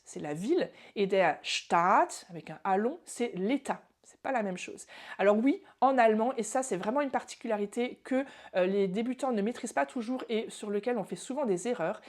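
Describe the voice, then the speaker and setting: A German language teacher, a woman with a fairly high voice, gives a lively video lesson on pronunciation. She addresses the viewer directly and slows down to model example words.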